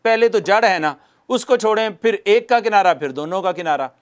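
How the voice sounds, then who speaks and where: High-voiced man teaching recitation. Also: lively intonation. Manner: drills by repeating and answering his own questions; demonstrates letter sounds slowly and repeatedly. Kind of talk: recorded video lecture.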